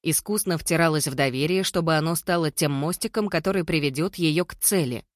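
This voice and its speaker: An audiobook narrator reading a novel in an even, measured way. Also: medium pitch, no echo, studio quality. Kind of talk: scripted narration.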